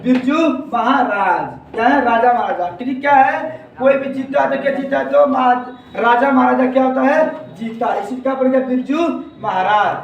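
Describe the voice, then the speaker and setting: A male teacher, giving a classroom lesson in call-and-response style, repeating key words slowly. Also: extremely high pitch, gravelly, muffled recording. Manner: asks and answers his own questions, repeats key words slowly. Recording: very echoey room, distant from the mic, faint noise.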